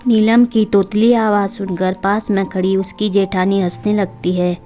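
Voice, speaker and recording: A woman reading scripted story narration in a plain, even storytelling voice, on a dull lo-fi track with faint music behind. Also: mid-range voice, normal speed. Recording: dull lo-fi audio with soft music.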